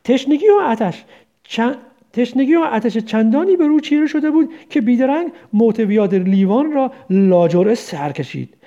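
High-voiced man reading a story. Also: lo-fi sound. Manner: steady reading with occasional slips. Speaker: narrator.

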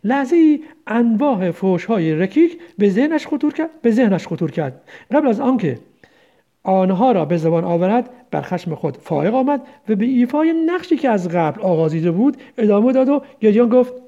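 Brief: male audiobook narrator, high-pitched yet mellow, steady delivery. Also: highs cut off. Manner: steady reading with occasional slips. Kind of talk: audiobook story reading.

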